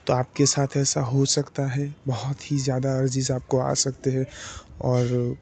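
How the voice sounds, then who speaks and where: A young man talking slowly and deliberately in a personal diary vlog, pausing often with fillers. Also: mid-range voice, darkish tone. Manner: slow, deliberate, hesitant with many fillers. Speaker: vlogger.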